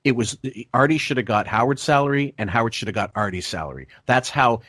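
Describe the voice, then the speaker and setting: A man hosting a casual podcast discussion, blunt and profane, talking in rushing restarts. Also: medium pitch, lively intonation, a bit bright, no echo, studio quality. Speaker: podcast host.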